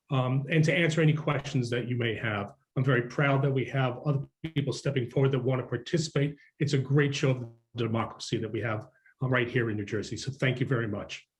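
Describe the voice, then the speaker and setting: A man's voice: medium pitch, a little hiss or hum. A man running for office, giving an earnest opening statement with frequent ums. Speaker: political candidate.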